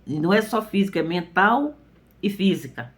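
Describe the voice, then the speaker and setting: A man's voice: high-pitched, expressive, normal speed, fairly bright tone. A man preaching in an earnest, emphatic, informal way. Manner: earnest, emphatic, tags lines with "né?". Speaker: religious preacher.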